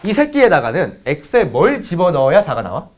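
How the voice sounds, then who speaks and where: Animated swearing male math teacher. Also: fairly high pitch, moderate pace, slight background noise. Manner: blunt, swears freely, talks straight to students. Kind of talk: lecture with casual storytelling.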